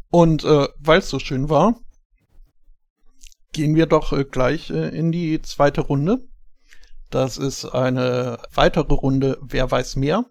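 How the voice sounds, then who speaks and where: A man hosting a podcast quiz in a slow, unhurried delivery. His voice sits a little high and carries a gravelly fry, and he fills his sentences with hesitant filler sounds. The recording is dry and close. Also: no echo. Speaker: quiz host.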